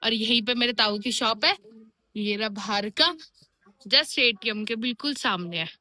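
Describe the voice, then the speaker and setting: चहकती, खनकती आवाज़ वाली गढ़वाली युवती vlogger. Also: female voice, a little high, unhurried, pushed and bright, dry recording. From Garhwal, Uttarakhand. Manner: chatty, addresses viewers as friends. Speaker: vlogger. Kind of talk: casual travel vlog.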